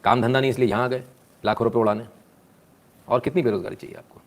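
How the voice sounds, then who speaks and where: A man's voice: mid-range voice, fairly even intonation, quick pace. A man, giving sarcastic live news commentary, mocking and scolding the people in the clips and answering viewer comments.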